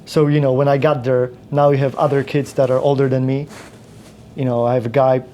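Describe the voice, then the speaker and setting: A man tells his story in a loose, rambling way, circling back and restarting his sentences. His tone is mellow and dark. A faint hum of room ambience sits underneath. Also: mid-range voice, flat delivery, brisk. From Poland. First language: Polish. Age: 30s. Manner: rambling with frequent restarts and fillers. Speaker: podcast guest. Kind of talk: casual interview storytelling.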